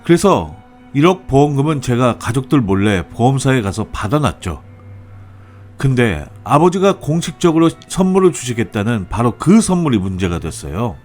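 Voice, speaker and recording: Male storyteller; expressive, lively narration with mid pitch and wide range. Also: moderate pace, soft background music. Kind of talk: first-person story narration.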